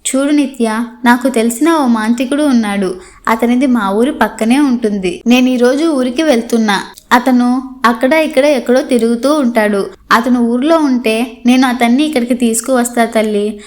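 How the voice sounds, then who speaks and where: A woman's voice: fairly high pitch, normal speed, natural voice. A woman narrator voicing a caring, protective middle-aged aunt who speaks reassuringly to her niece. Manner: reassuring, gently pleading.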